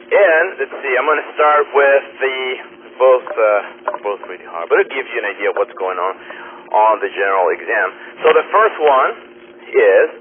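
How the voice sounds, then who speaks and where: A man on a ham radio net, heard through a radio transmission, slowly reading exam questions and repeating the options. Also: medium pitch, lively intonation. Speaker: radio net quiz reader. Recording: tinny ham radio with faint static.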